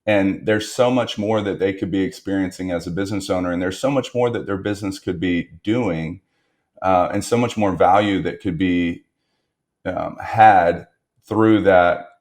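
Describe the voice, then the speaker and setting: A man's voice: deep voice, steady tone, normal speed, a little mellow. A man speaking as a guest on a business podcast, reflecting on lessons learned and stressing points by repetition. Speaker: guest entrepreneur. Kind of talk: podcast interview.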